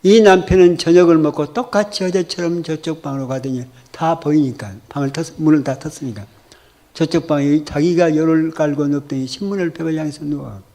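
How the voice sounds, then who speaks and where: A man's voice: fairly high pitch, fairly quick, dark tone. A male pastor preaching in a church, telling a vivid story and acting out the dialogue. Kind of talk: storytelling sermon.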